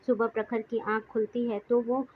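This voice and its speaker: A woman reading a dramatic story aloud in a scripted narration, voicing all characters in a mostly even manner. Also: a little high, moderate pace, a little hiss or hum. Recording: dull lo-fi recording.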